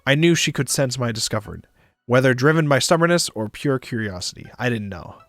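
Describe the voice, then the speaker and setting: A man's voice: medium pitch, expressive, fairly quick, a bit bright, no room sound. A man narrating a visual novel aloud for a stream, with casual asides. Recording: music behind the voice. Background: music.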